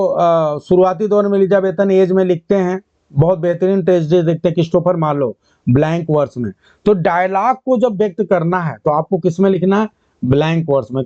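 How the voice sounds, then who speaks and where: High-voiced male teacher quizzing his class. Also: a little mellow, no room sound, muffled recording. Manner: quizzes students, praises answers, mixes English terms into Hindi; reads English questions out slowly, word by word. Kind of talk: online exam-prep class.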